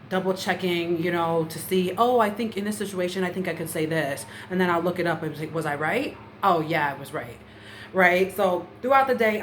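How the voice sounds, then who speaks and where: Casual woman vlogger, fairly low voice, rambling with lots of fillers, slight background hiss. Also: fairly bright tone. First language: English. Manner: chatty, many "you know" fillers. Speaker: language-learning vlogger. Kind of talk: casual talk to camera. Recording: faint background noise.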